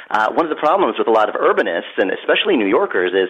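Fast-talking low-voiced man, lo-fi line. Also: big pitch swings, fairly bright tone, husky. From Philadelphia, USA. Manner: emphatic, rapid, many fillers. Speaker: guest expert on suburbs. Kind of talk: interview answers.

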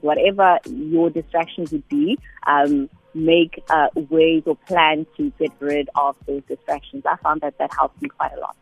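Phone-like line, husky woman. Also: deep voice, no room sound. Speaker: self-care guest on a radio show. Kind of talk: conversational advice. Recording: thin band-limited phone-like line.

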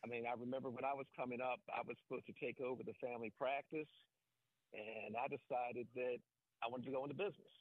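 A man's voice: medium pitch, steady tone, fast, dry recording. A middle-aged man calling in over the phone to a talk show, courteous and reflective as he asks his question. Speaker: caller. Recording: tinny phone line.

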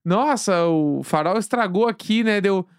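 A man's voice: high-pitched, unhurried, smooth, no echo, clean studio sound. A man with a southern Brazilian accent, co-hosting a podcast in slangy, teasing casual banter. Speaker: podcast co-host.

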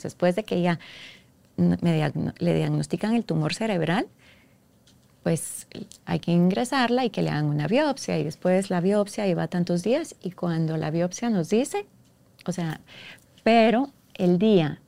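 A woman from Guatemala, a guest in an interview, recounting a hard personal story in a halting, emotional way, often restarting and retelling past conversations. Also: on the low side, gravelly, dark tone, no echo.

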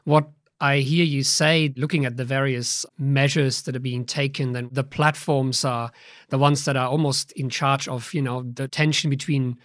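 A man's voice: mid-range voice, fairly even intonation, moderate pace, fairly bright tone, no room sound, studio quality. A man co-hosting an interview podcast, reflecting on what he heard and summing it up. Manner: reflective, summarizing with extended metaphors. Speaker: podcast co-host.

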